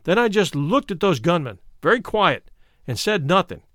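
A man reading a first-person memoir aloud in measured, steady storytelling narration. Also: sits high, dry recording, studio quality. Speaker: reader.

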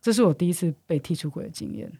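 A young woman with a Taiwanese Mandarin accent, co-hosting a podcast and retelling a story in a lively, dramatic way. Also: fairly low pitch, racing, breathy edge. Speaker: podcast co-host. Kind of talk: animated storytelling.

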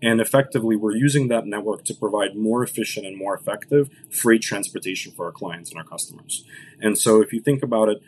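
A man in his late twenties, a Los Angeles founder, appears as a podcast guest and talks fast about his business, frequently restarting and adding "right?". He has a fairly low voice, and there is slight background noise.

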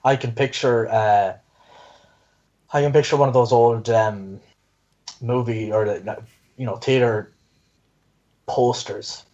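A man's voice: medium pitch, steady tone, takes it slowly, long pauses, a little mellow, highs cut off. A man talking casually and thinking aloud as a quiz contestant.

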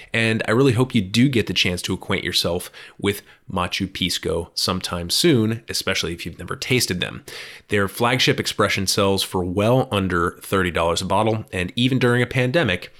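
A man's voice: on the low side, fairly bright tone. A man hosting a drinks podcast, reading an intro and then asking friendly questions with some fillers. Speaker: podcast host. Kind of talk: scripted intro then casual interview.

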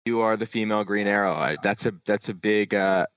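A man's voice: lowish voice, brisk, a bit bright, clear, resonant tone. A man hosting a podcast interview, asking friendly, admiring questions. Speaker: podcast host. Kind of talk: interview chat.

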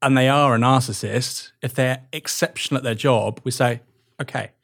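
A man's voice: mid-range voice, steady tone, moderate pace. A man co-hosting a casual panel discussion, arguing his point confidently. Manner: argumentative, confident. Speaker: co-host.

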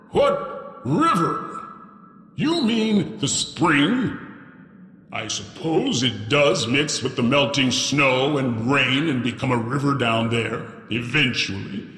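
A man voicing a huge, ancient, lazily amused dragon, speaking slowly and drawn out. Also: fairly bright tone. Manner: slow, drawn-out, booming. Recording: roomy, reverberant echo on the voice.

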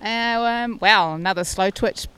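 Bright, clear-voiced Kiwi woman. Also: mid-range voice, moderate pace. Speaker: spectator being interviewed. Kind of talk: casual interview. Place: outdoors at a triathlon.

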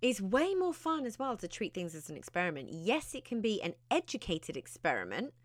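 A chatty woman hosts her own podcast, with a lively voice that swoops up and down as she speaks. Her recording is dry and close, with no room sound around it. She talks straight to the listener and leans hard on her key words. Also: medium pitch, brisk, no echo. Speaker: podcast host, success mentor. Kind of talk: podcast monologue.

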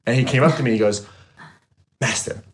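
Animated man talking trauma work. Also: medium pitch, rapid-fire. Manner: animated, emphatic, loose and swearing. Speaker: trauma therapist, guest. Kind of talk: casual interview chat.

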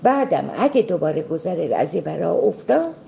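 A woman's voice: fairly low pitch, sing-song, vocal fry, dark tone, muffled recording, a little hiss or hum, pitched below the performer's own voice, heavily acted. A woman voicing a male demon who sits in a well, stern but generous, as part of a folktale telling.

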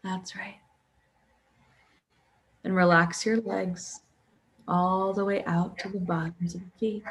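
A woman hypnotherapist guides a sleep hypnosis session with a soothing relaxation script. Her mid-range voice is calm, with drawn-out pauses and audible breaths.

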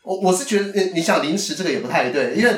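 A fast-talking man with a Taiwanese accent and a slightly high voice hosts a casual chat. He explains in a chatty, self-rephrasing way. The recording is echoey, as if a little way off the microphone. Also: lively intonation, a bit bright. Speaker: podcast host. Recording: roomy echo, distant microphone.

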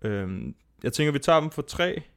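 A man hosts a casual podcast chat. He tells stories in a rambling way, with lots of restarts, and gets animated as he goes. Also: on the high side, gravelly. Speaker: podcast host. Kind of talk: casual chat about fighting.

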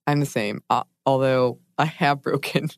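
A woman co-hosting a podcast, reacting with quick, playful interjections in casual chat. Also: rumbling low, steady tone, no room sound, studio quality. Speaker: podcast co-host.

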